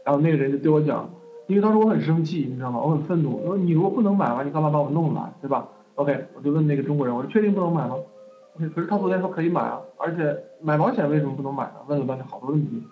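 A man lecturing, telling a personal story in an animated way and often tagging his sentences with "OK". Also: on the high side, racing. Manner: animated, peppers speech with "OK". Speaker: lecturer on going abroad. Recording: phone-like narrow band with faint music.

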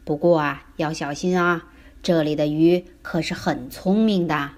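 A woman voicing a patient father who gently warns his son, in a children's story reading. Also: sits low, fairly even intonation, unhurried, pitched below the performer's own voice. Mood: cautioning. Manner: gentle, warning.

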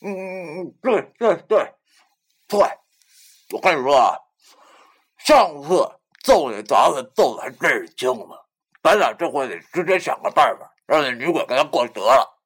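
A man's voice: fairly high pitch, big pitch swings, moderate pace, breathy edge, voice pushed up. A man voicing a hot-tempered, foul-mouthed male buddy, ranting in stammering outbursts. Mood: furious. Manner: angry, swearing, stammering outbursts. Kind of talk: audiobook character voice.

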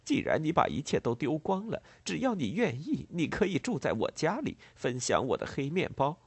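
An outspoken, naive country woman speaks her mind in an audiobook, voiced by a man. Her voice sits well above his own, husky and dry, and rises and falls with blunt, earnest surprise. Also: on the high side, huge pitch swings, normal speed, no room sound, voice pushed up, exaggerated voice.

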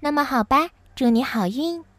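A woman's voice: high voice, animated, normal speed, dry recording, pitched above the performer's own voice. A woman voicing a kind but clumsy female fairy who speaks sweetly and apologetically. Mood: sweet coaxing.

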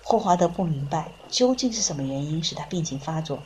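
Calm lower-voiced woman reading aloud. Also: a little hiss or hum. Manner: calm, measured, steady reading. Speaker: audiobook reader. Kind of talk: narrating a book, first person as therapist.

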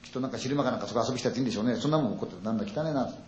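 A man's voice: mid-range voice, rapid-fire, a little mellow. An older man performing a spoken ghost story, acting out frightened friends' dialogue with lots of sound words. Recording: echoey dull audio.

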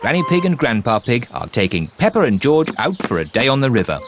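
A man's voice: mid-range voice, big pitch swings, fairly quick, music in the background, close to an everyday voice. A man reading scripted narration for a children's cartoon.

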